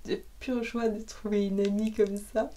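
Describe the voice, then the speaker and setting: A woman who reads books aloud, winding down a session with a casual, rambling chat. Her voice sits at a middle pitch, soft and musing, and now and then it drops to a whisper. She sounds relaxed, at home. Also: normal speed. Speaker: audiobook reader.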